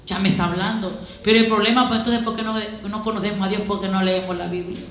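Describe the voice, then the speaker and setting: A woman preaching a lively Pentecostal sermon, exhorting her congregation with direct questions and acting out quoted voices with humor. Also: mid-range voice, fast. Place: church. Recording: echoey church sanctuary. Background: congregation answering amens.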